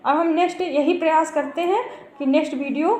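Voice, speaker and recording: A woman's voice: high voice, brisk, a little mellow. A woman teacher explaining grammar to her students, repeating each term and checking that they follow. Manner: calls students "beta", repeats terms, checks understanding. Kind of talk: grammar lesson. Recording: echoey room.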